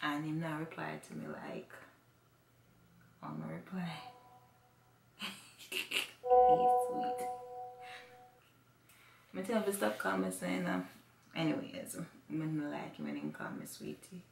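A woman's voice: low voice, very animated, unhurried, vocal fry, pauses often, slight background noise. A woman with a Jamaican accent chatting casually to her vlog audience, rambling and repeating herself. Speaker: vlogger. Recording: echoey room.

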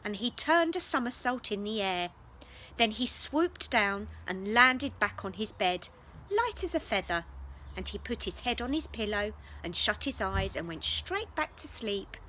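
A woman reading a children's story aloud in a gentle, expressive way. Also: mid-range voice, a little slow, slight background noise, rough recording.

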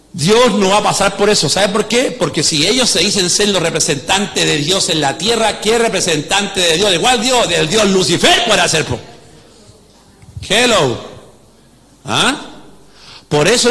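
A man's voice: sits high, sharp tone. A man preaching as a pastor, emphatic, often asking the congregation if they follow. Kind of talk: animated preaching. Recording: long hall reverb.

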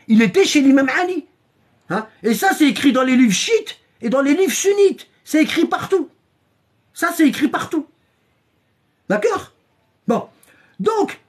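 A religious teacher giving a live-streamed lecture, repeating points emphatically, checking in with the audience, and reading passages aloud from a book. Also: high-pitched. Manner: repetitive and emphatic, with constant "hein?" checks; reads and shows passages from a book.

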